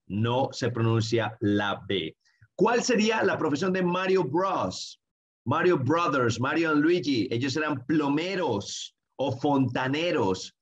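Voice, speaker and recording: A man who grew up speaking Spanish teaches English pronunciation in a friendly online lesson. He talks very slowly and repeats each word patiently, again and again. The recording sounds a little dull. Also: medium pitch, husky. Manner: friendly, slow repetitive drilling of words.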